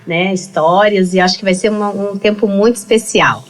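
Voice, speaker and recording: A middle-aged woman with a coastal Itajaí accent, speaking at a medium pitch. She is a pastor and talks warmly in a casual podcast conversation, quick to laugh. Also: fairly even intonation. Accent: Itajaí (Santa Catarina coast). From Santa Catarina, Brazil.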